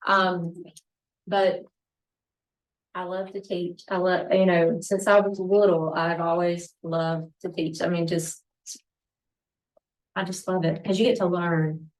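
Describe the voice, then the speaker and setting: Woman, Mississippi accent, slightly low voice, informal and chatty instructor, recorded at a distance in a roomy space. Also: flat delivery, slow pace, pauses often. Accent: Mississippi Southern US. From Mississippi, United States. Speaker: painting teacher, guest presenter. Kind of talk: informal demonstration talk. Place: meeting room with audience. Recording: echoey room, distant mic.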